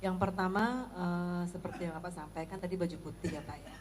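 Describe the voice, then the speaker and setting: A woman's voice: lowish voice, fairly even intonation, a little fast, background noise. A woman from the audience putting polite, hesitant questions to a preacher, with many fillers. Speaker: audience member asking questions.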